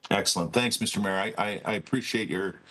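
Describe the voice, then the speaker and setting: Low-voiced councillor, hesitant and courteous. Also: male voice, brisk, a bit bright. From Canada. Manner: hesitant, repeats words, courteous. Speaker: city councillor. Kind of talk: council debate question.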